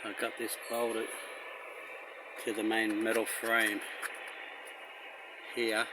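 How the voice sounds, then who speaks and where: An Australian vlogger walks through installing a car radio himself, talking casually and plainly in a rambling way as he moves in and around a car under a carport. His voice is fairly low, completely flat, and slow. The handheld location recording is noisy.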